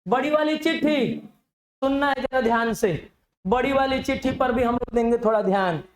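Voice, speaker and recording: A man with a Bhojpuri-inflected Bihari accent teaching a live online reasoning class, animated and now and then shouting, calling his students "babu". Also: very high voice, normal speed, echoey room. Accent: Bhojpuri-inflected Hindi, Bihar.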